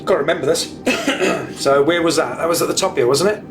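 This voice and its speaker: A man's voice: fairly high pitch, brisk, noisy background. A man chatting casually and informally as he streams a flight simulator to viewers. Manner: matey, informal. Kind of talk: casual livestream chat.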